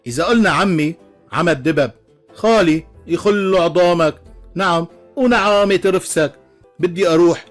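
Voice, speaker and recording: A man with a Levantine Arabic accent telling a string of jokes, animated, slipping into character voices and chuckling along. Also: high voice, moderate pace, faint music behind. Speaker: joke teller. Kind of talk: voiced joke compilation.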